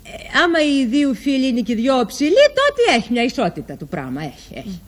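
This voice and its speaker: A woman's voice: sits high, big pitch swings. An actress playing a naive, cheeky woman who gives punning answers in a TV interview. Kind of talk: sitcom acting.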